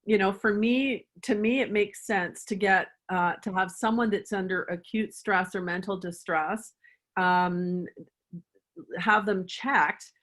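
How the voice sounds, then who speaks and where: A woman's voice: mid-range voice, steady tone, slow, fairly bright tone. A woman chiropractor answering interview questions in an earnest, thoughtful way, at times guiding the listener through a reflection. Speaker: chiropractor guest.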